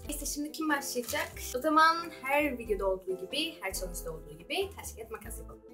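Young woman, high pitch, casual vlog talk, small bedroom, light background music. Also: animated, quick pace, sharp tone. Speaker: video host.

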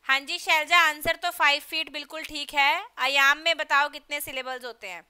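Lady teacher, high sharp voice, hurrying her students to answer. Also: fairly even intonation. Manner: brisk, pushes students to answer quickly. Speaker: English literature teacher. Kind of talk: live online class, quizzing students.

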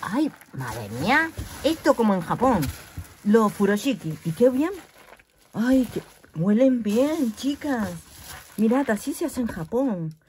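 In her home craft room, a woman with an accent from Spain opens a gift for her followers, chatting animatedly and often laughing. Her voice sits on the high side, expressive, slightly slow and dark, with slight background noise on the laptop mic.

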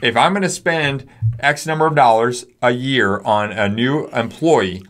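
Man in his forties, mid-pitched voice, earnest, explanatory, pastor talking on a podcast, studio mic. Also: unhurried, fairly bright tone. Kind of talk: casual podcast discussion. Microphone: studio mic on stand.

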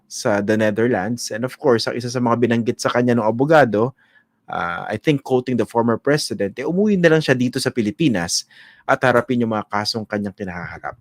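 A man's voice: medium pitch, dry recording, clean studio sound. A man hosting a live news interview, polite and respectful, with frequent "uh" fillers. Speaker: host.

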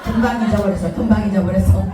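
A woman instructor leads an elderly class through a clapping warm-up, shouting cues and cheering them on. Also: mid-range voice, fairly even intonation, fast talker. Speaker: recreation instructor for a seniors' class. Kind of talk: leading a call-and-response clapping warm-up. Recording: echoey hall from far off, loud music and crowd.

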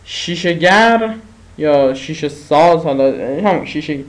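Male tutor with a slightly high voice, drilling vocabulary through repetition and chatty asides. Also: lively intonation. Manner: repeats each word slowly, explains with pauses and fillers. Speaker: language teacher. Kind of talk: spoken language lesson.

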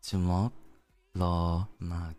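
A man chatting casually on a stream as he tries to learn Thai phrases, playful and quick to laugh, swearing in jest. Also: low-pitched, level tone, a little mellow, soft background music. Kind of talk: casual chat.

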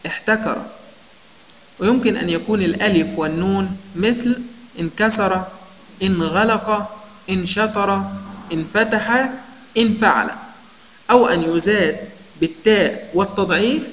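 A man's voice: high voice, slight background noise. A man teaching a grammar lesson, explaining step by step and listing example words one by one. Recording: echoey, dull lo-fi room recording with long reverb.

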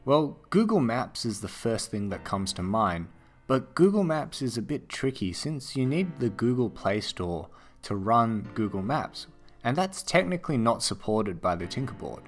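Australian man, low-pitched, calm explainer for a scripted how-to voice-over, soft music under him. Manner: steady, explanatory. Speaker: tech video narrator.

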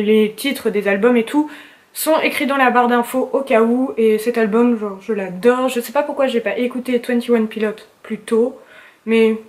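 A vlogger talks to camera from a room in her home, her slightly high voice gushing about her favorite things. The young woman keeps it casual, full of slang and filler words.

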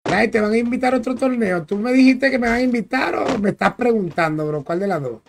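High-voiced man chatting over game noise. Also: lively intonation, fairly quick. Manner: chatty, greets viewers by name, slangy. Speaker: gaming streamer. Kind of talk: casual live-stream chat while gaming. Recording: clear background noise with clicks.

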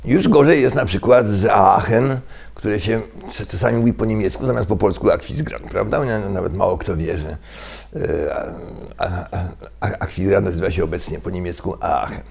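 Older man, gravelly voice, lecturing tone, halting speech with fillers, rhetorical asides. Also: sits low, a little mellow. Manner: hesitant, many fillers and restarts, rhetorical questions. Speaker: political commentator. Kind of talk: lecturing monologue.

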